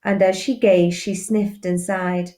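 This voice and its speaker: A woman with a medium-pitched voice reads a rhyming children's story. Her delivery is expressive storytelling, like a teacher reading to young listeners. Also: unhurried.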